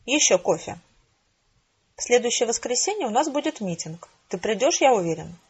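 A woman's voice: fairly high pitch, sing-song, moderate pace, breathy edge, muffled recording, heavily acted. Woman voicing a blustering pompous old colonel. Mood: hearty. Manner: bossy, loud, jovial. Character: blustering hearing-impaired male colonel, pompous.

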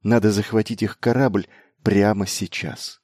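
A man voicing a brash, quick-witted young male noble commander who talks insistently and urgently. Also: fairly low pitch, fairly even intonation, darkish tone, husky, no echo, studio quality. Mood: grim urgency.

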